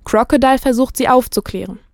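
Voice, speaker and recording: A woman radio reporter reading a scripted narration in a measured, factual way. Her voice sits a little high, and the booth sound is dry and close. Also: no echo.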